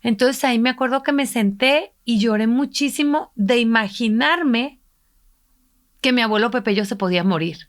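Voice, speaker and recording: A woman's voice: a little high, moderate pace. A middle-aged woman, telling a personal story in an intimate podcast conversation and voicing the people she quotes. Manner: emotional, reflective, voices quoted people while retelling. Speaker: podcast co-host, mother.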